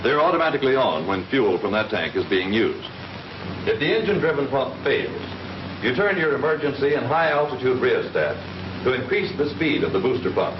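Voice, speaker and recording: A man with a mid-range, very animated voice speaks briskly and close to his everyday tone, playing a confident American Army captain who instructs pilots plainly and methodically, like a 1940s training film. As a flight instructor, he stays matter-of-fact, and the audio is a noisy, dull 1940s film soundtrack.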